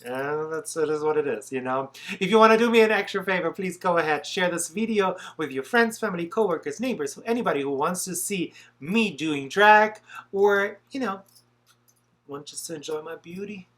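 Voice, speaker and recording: A man's voice: on the high side, normal speed, fairly bright tone. A young man doing a makeup tutorial vlog as a drag performer, chatty, playful and sassy.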